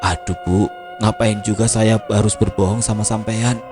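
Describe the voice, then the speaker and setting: A man voicing a gentle, modest older becak driver with a Javanese accent, speaking softly. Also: on the low side, level tone, moderate pace, natural voice. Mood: humble. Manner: soft-spoken, modest. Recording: music playing behind.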